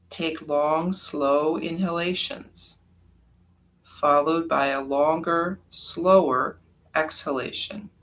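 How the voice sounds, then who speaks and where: This guided yoga nidra meditation is led by a teacher with a mid-range voice who speaks gently and slowly, letting long silences stretch between phrases.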